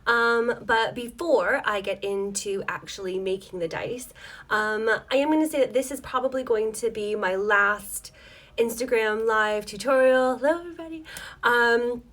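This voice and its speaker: A dice maker hosts a casual livestream tutorial from her home desk, rambling apologetically with lots of ums as she loses her voice. She speaks at a moderate pace, fairly high-pitched and fairly bright.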